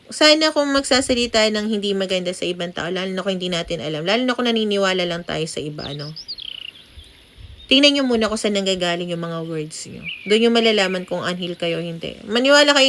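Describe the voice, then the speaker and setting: Young woman, casual tarot reader, chatty with tag questions, medium pitch. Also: lively intonation, brisk, a bit bright, a little hiss or hum. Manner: chatty, tag questions, mixes English into Filipino. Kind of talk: casual spoken tarot reading.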